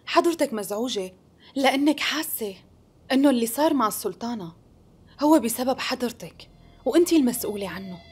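Syrian Arabic accented cunning sultan's wife in a period drama dub; fast, coaxing, polite but pointed. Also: female voice, a little high, lively intonation, breathy edge. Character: scheming, smooth-talking sultan's wife, persuasive. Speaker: dub actress.

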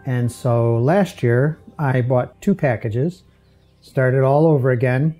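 A man in his sixties, an amateur beekeeper from upstate New York, explaining his hives in a relaxed, halting way with many fillers, recorded outdoors in a backyard. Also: mid-range voice, soft background music. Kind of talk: casual explanation while working.

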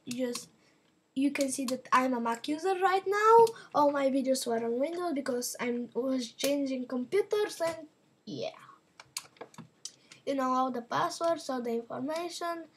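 Woman, gaming commentary, rambling chat, slow pace, faint background noise. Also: high-pitched. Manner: chatty and rambling, talking to viewers while playing. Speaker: gaming channel host. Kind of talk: casual gameplay commentary.

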